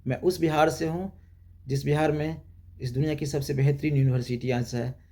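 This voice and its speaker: A man's voice: fairly high pitch, steady tone, a little fast, dark tone. A young man from Bihar hosting his own channel, delivering an impassioned political monologue in repeated rhetorical lines. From Bihar, India. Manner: rhetorical and repetitive, building emphatic lists. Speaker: YouTube channel host.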